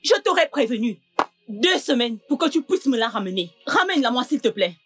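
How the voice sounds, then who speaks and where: A distraught mother in a dubbed film, begging and accusing by turns. Her voice is husky and fairly high, swinging widely in pitch. Faint music plays behind. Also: sing-song, fairly quick. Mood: pleading. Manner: pleading, tearful and accusing. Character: distraught mother of a missing daughter. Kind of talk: French film dub.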